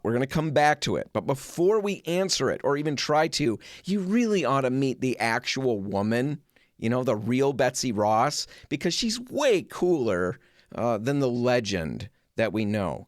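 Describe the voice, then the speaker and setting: A middle-aged man hosting a home improvement show, telling a story in a chatty, animated way with lots of asides. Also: mid-range voice, no echo, studio quality. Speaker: host.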